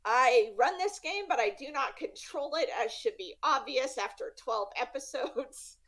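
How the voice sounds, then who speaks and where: A woman game master casually hosting and introducing a tabletop show in a halting, conversational way. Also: high-pitched, animated, fairly bright tone.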